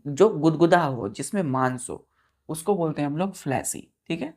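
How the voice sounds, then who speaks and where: A woman's voice: low voice, expressive, normal speed, darkish tone. A woman with an Indian accent teaching a school science class, spelling words letter by letter and often checking that the children understand. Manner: patient, repeats and checks with "clear?".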